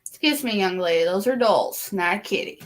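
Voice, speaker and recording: A woman, a young mother, chatting casually in a bedroom with a slow, teasing, folksy way of talking. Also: medium pitch, lively intonation. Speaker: mother of the toddler. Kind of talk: casual chat.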